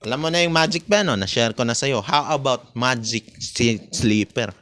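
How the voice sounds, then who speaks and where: A man's voice: mid-range voice, normal speed, a bit bright. A man, ranting in a casual monologue, bitter and taunting, laughing between jabs and switching into English. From Philippines.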